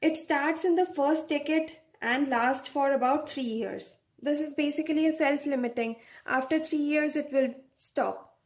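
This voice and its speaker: Slow, high-voiced woman lecturing. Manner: slow and explanatory, often adding a checking "right?". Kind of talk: medical lecture.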